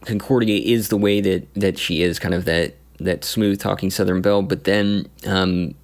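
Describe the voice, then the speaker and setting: Gravelly low-voiced guy slowly retelling his tabletop campaign, halting. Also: fairly even intonation. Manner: halting, many fillers and restarts. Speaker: game master recounting his campaign. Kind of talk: casual story recap.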